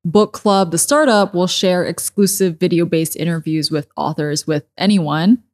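A woman with a somewhat low voice co-hosts a podcast. She talks in a relaxed, conversational way from a kitchen table at home and rattles off the show intro quickly. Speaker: podcast co-host. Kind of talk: casual chat. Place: kitchen table in a living room.

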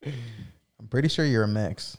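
A man's voice: mid-range voice, measured pace, a little mellow. A young man in casual chat, laid-back and teasing.

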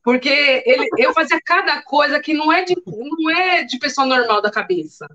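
A woman telling a lively faith testimony in casual chat, acting out her own past words. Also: high voice, normal speed, highs cut off. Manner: animated storyteller, acts out her own past lines. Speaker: guest giving testimony.

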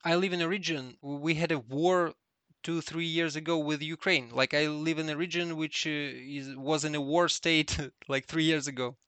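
A man from southern Russia with a Russian accent, talking casually and earnestly as an interview guest in emphatic, slightly halting non-native English. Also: a little high, steady tone, sharp tone, no room sound. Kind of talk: casual conversation.

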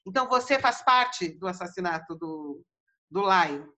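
A woman's voice: lowish voice, animated, measured pace, pushed and bright, voice pushed down. A woman voicing a proud young king who insists on answers, in casual storytelling. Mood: insistent. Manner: urgent, insistent questioning.

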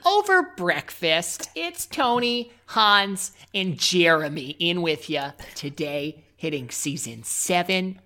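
A woman hosting a casual podcast, chatty and playful with quick asides. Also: fairly low pitch, expressive, bright, forceful tone. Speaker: podcast host. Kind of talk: casual chat.

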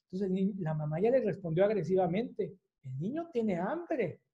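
A woman's voice: medium pitch, big pitch swings, normal speed, dark tone, muffled recording. Woman, educational talk, explanatory, tag questions, everyday examples. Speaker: attachment and relationships educator.

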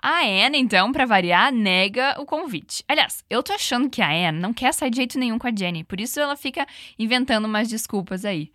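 Higher-pitched woman, slow drilled English. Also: animated, bright, forceful tone, dry recording, studio quality. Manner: slow, drawn-out English model phrases; encouraging, repeats drills. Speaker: English teacher. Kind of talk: language lesson.

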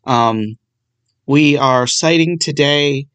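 A man's voice: fairly high pitch, takes it slowly, fairly bright tone, clean tone. A young man in law school hosting his own solo podcast, talking through a legal topic in a casual, self-deprecating way with dry sarcasm. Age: young adult. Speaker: podcast host.

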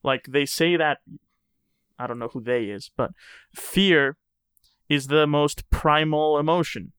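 Slow, smooth-voiced man musing. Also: fairly high pitch, fairly bright tone, dry recording, studio quality. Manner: rambling, filler-heavy, reflective. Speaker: conversation guest. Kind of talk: casual conversation.

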